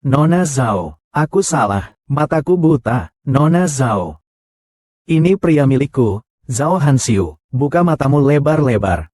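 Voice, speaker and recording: A man's voice: medium pitch, sing-song, slow, long pauses, a little mellow, no room sound, clean studio sound. A man voicing the characters of a dubbed short drama, with a scornful, confrontational delivery.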